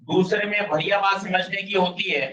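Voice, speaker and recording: Male teacher, energetic and pushing students, high bright voice, dull roomy classroom sound from a distance. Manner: energetic, drilling students with rapid questions. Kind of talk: classroom physics lecture.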